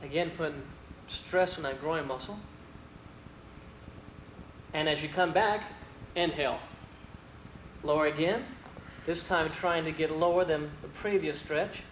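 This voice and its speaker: A man leading stretching exercises with calm, steady commands and counted reps, heard from a worn VHS tape copy. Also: fairly high pitch, a little slow, pauses often, echoey room, slight background noise, low-quality recording. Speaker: martial arts instructor.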